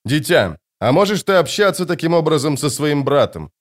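A man's voice: a little high, sing-song, moderate pace, voice pushed up. A man voicing a cold, commanding emperor. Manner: commanding, sardonic. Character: imperious middle-aged male emperor, cold.

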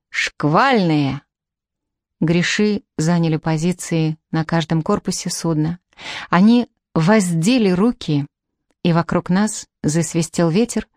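A woman narrating a fantasy novel in the first person, in a measured storytelling manner. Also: fairly low pitch, mellow, no room sound, studio quality. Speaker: audiobook narrator.

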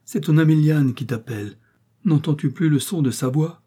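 Give me a proud young noblewoman read by a man pleading earnestly. The voice is soft and dark, with a breathy grain. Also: fairly high pitch, normal speed, pitched above the performer's own voice, lightly acted. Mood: frantic. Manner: earnest, imploring declamation.

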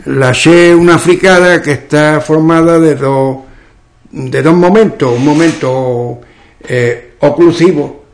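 A man from Ubrique in southern Spain with a western Andalusian accent, explaining local speech in an interview and often pausing to search for examples. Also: medium pitch. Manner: slow and explanatory, often pauses with "¿qué digo yo?". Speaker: author and local dialect expert.

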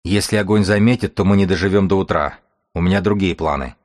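A man voicing a calm, cold young wanderer who asks short, curt questions. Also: low-pitched, quick pace, lightly acted.

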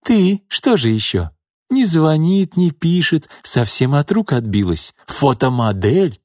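Man playing a storybook pimp, sneering, menacing, husky, dry. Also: big pitch swings, slow pace, a little mellow, no echo, full character voice. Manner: sneering, mocking, low menacing threats. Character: menacing smug middle-aged pimp and thug.

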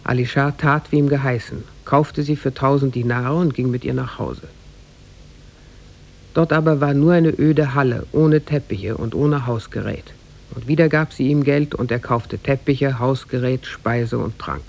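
A man with a gravelly, husky voice narrates a scripted tale for 1950s German radio, measured and formal in his storytelling. His pitch is medium and his tone darkish.

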